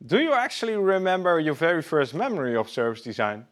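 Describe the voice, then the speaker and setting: A man's voice: fairly high pitch, sing-song, fast talker. A man hosting an interview podcast, with an upbeat, welcoming presenter delivery. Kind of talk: scripted show introduction and interview.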